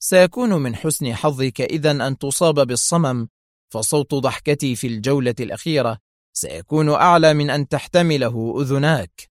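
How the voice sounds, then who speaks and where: A man voicing a calm, sarcastic male hero who stays unflappable, in a dry recording. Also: medium pitch, fairly quick, no echo, close to an everyday voice.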